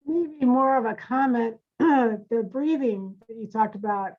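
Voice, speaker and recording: A woman's voice: on the high side, measured pace. Congested woman on dull, lo-fi audio. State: congested, talking through her nose. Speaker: participant asking a question.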